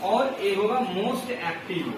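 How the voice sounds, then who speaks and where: A male English teacher, slowly reciting word forms in a classroom grammar lesson. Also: high voice, animated. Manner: slow, drawn-out recitation with repeated drills. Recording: echoey room from far off with noise.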